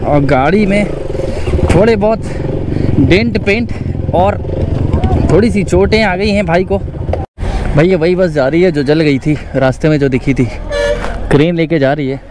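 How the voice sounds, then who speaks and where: A young man with a slightly high voice motovlogs from a helmet-mounted camera beside a highway. Loud wind and traffic roar sit under his casual, running commentary on the damage. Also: measured pace, long pauses. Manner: excited shouting at the crash, then calm commentary on damage. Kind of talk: casual vlog narration. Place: roadside outdoors by a highway. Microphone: helmet-mounted action camera. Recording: loud road and wind noise outdoors. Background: traffic and wind noise.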